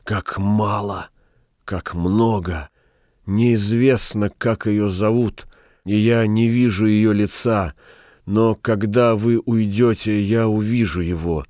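A man doing a feverish condemned prisoner, slow and dreamy. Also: on the low side, fairly even intonation, a little mellow, dry recording, clean studio sound. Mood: delirious. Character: condemned young man, feverish, delirious, tender.

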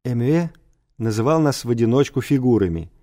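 A man reading a novel aloud as an audiobook narrator, in an even storytelling delivery. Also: medium pitch, a little fast. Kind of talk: scripted narration.

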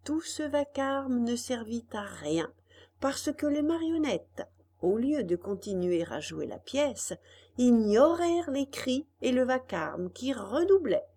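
A woman reading a children's storybook aloud with an expressive delivery. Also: a little high, slow pace. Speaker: audiobook reader. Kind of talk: storybook narration.

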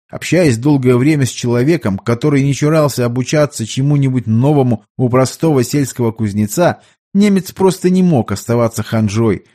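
Mellow-voiced male audiobook narrator. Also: mid-range voice. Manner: measured, storytelling.

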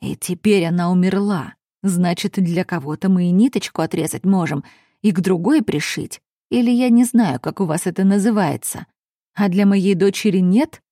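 A woman's voice: on the low side, normal speed, no room sound, studio quality. A woman voicing a grief-mad nobleman father. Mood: accusing. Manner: shouting, accusing, threatening. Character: grief-crazed middle-aged nobleman father.

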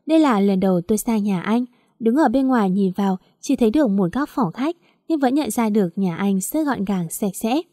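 A young woman, calmly narrating a first-person story as an audiobook reader. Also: medium pitch, brisk, dry recording, clean studio sound.

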